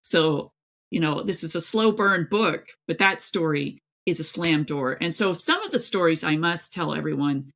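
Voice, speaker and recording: Speaking at a moderate pace, this middle-aged woman has a deep yet fairly bright voice. An author from East Tennessee in the United States, she's an interview guest who talks casually and with emphasis, letting her stories ramble on.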